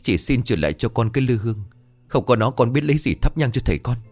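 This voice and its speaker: A man's voice: mid-range voice, animated, fast, a little mellow, no room sound, soft background music, voice pushed up. Man doing a poor peasant begging tearfully. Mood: pleading. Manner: pleading, tearful, lifted voice.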